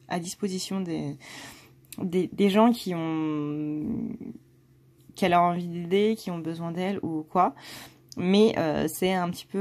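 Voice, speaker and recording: A woman with a lowish, slightly mellow voice gives a tarot reading for her channel. Her manner is blunt, and her casual talk is peppered with fillers and restarts.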